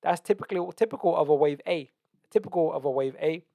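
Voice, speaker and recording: This trading educator speaks fast, his voice on the high side, gravelly and warm, with no room sound. Walking viewers through a chart on screen, he hammers home key words and often asks "right?"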